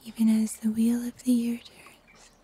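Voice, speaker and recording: A young woman performs an ASMR roleplay as a soothing summer angel, her soft, breathy whisper pressed near a sensitive microphone. She delivers the scripted storytelling tenderly and at an unhurried, deliberate pace, in a slightly high voice that barely shifts in pitch.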